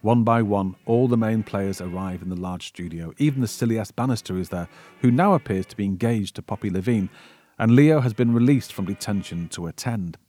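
A man with a lowish, mellow voice speaks fairly quickly as host and producer of a film podcast, with faint music behind him. He mixes Q&A chat with guests and listeners with scripted narration.

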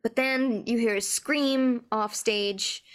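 A woman's voice: fairly high pitch, steady tone, slow, clear, resonant tone. A woman co-hosting a podcast, recapping a TV episode in easygoing chat and laughing often. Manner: easygoing, laughs often, many "like" and "you know". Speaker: podcast co-host.

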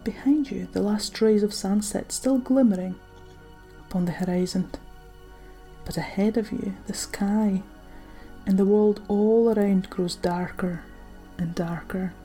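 A woman with a warm, mellow, medium-pitched voice narrates like a sleep story guide. Her scripted meditation delivery is gentle and unhurried, with phrases trailing softly into breath. Faint music plays behind her.

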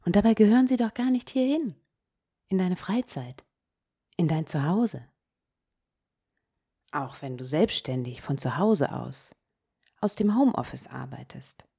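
A woman with a low, mellow, breathy voice leads a guided meditation. She talks very slowly and softly and often drops into a near whisper. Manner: slow, soft-spoken, gently guiding, drops into whispers. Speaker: meditation podcast host.

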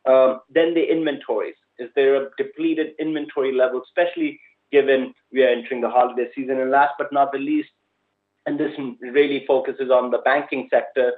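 A man gives unscripted expert commentary as a guest, analytical and point by point, with halting pauses. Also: mid-range voice, fairly even intonation. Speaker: investment strategist, podcast guest. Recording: narrow phone-like line.

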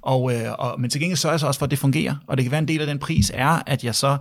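A man with a gravelly, creaky voice hosts a casual podcast discussion and reasons his way through ideas out loud. He often repeats words as he searches for a phrase and ends his points with a quick questioning "right?". The recording is close and dry. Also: medium pitch, fairly even intonation, no room sound. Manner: thinks aloud, repeats words, tags lines with a questioning 'right?'. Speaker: podcast host.

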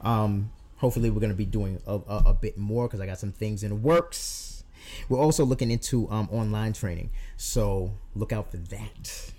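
A man's voice: lowish voice, moderate pace, warm tone. A man chatting casually as a podcast guest and fitness trainer, slangy, laid-back and agreeable.

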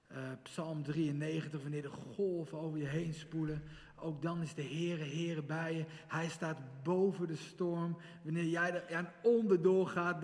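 A middle-aged man giving an interactive sermon to teenagers, lively and questioning the audience directly in a large hall. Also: fairly high pitch. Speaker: youth speaker. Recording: long hall reverb.

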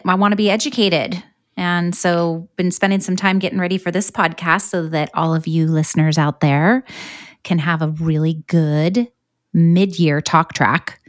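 A woman co-hosting a casual podcast, friendly and earnest, quick to agree with her partner. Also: fairly low pitch, no room sound, clean studio sound. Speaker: podcast co-host.

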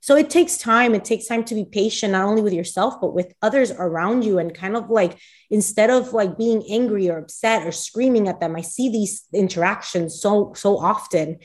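A woman's voice: mid-range voice, normal speed. A woman co-hosting a casual podcast, talking in an earnest, reflective way. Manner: earnest, reflective, many fillers. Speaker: podcast co-host. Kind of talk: casual chat.

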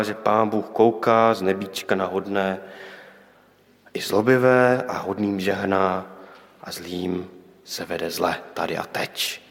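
Man preaching a reflective sermon in a reverberant hall. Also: on the low side. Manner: reflective, with pointed rhetorical questions and quoted voices.

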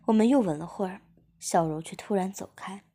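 A woman narrating an erotic story in a soft, intimate reading voice that often drops into a whisper. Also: mid-range voice, fairly quick.

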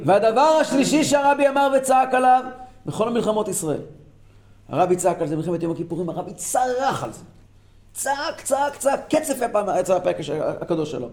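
Male Torah teacher, impassioned, quite high voice, roomy recording. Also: expressive. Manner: impassioned, swings from loud exclaiming to low intensity. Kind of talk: Torah lesson to a group.

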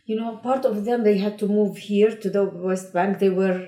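A woman's voice: medium pitch, fairly even intonation, normal speed, mellow, echoey room. A woman physician from Palestine answering interview questions in careful, explanatory English.

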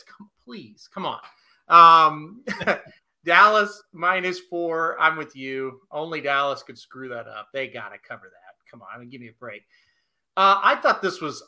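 A man hosting a casual sports talk show. He runs through betting picks in an excitable, joking way and pokes fun at himself. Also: on the high side, low-quality recording. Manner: excitable, joking, self-mocking.

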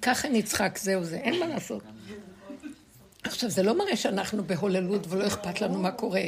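A middle-aged woman giving a spiritual lesson to a group, telling stories in a lively way and laughing between points. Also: medium pitch, creaky. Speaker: religious teacher.

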